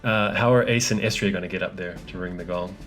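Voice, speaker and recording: A man narrating as game master of a tabletop game, relaxed and often laughing, with halting restarts. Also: deep voice, soft background music.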